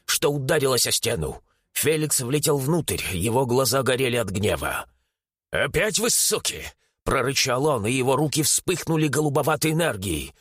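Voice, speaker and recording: A man giving animated, dramatic narration of a fantasy audiobook. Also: medium pitch, slightly rough, no room sound, clean studio sound.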